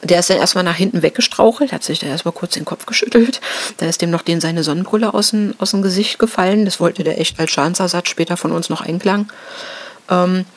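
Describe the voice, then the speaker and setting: A middle-aged woman telling an interviewer about a violent attack on her husband, in a halting way with many fillers and restarts. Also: on the low side. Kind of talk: emotional personal account.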